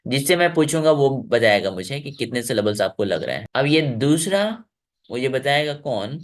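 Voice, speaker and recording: A male English teacher leads an online class for children, cheering on his students and slowly stretching out words so they can hear each sound. His voice rises and falls a great deal as he explains. He sounds like a young adult. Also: mid-range voice, expressive. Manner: encouraging, drawn-out word demonstrations.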